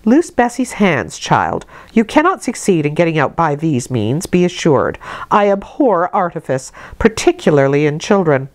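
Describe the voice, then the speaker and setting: A woman reading an audiobook, voicing a severe aunt who speaks in slow, clipped commands. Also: mid-range voice, lightly acted. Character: stern, cold aunt, peremptory and severe.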